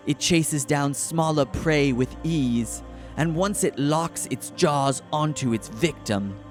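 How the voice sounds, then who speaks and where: A narrator reads a mock nature documentary with solemn drama. The pace is slow and deliberate, and the pitch sits in a middle range. Soft music plays behind the voice. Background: background music.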